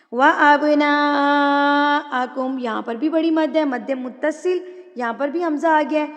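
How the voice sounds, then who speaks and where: A woman teaching an online Quran recitation lesson, explaining patiently step by step and drawing out words slowly when she recites. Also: sits high, vocal fry, in a large hall. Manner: slow drawn-out recitation of Arabic words.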